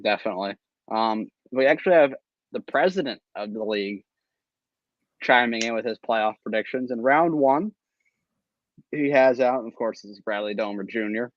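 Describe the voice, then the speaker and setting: A man's voice: mid-range voice, no room sound. Man hosting a podcast over dull lo-fi sound. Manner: joking, quick to tease. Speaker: podcast host. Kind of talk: casual chat.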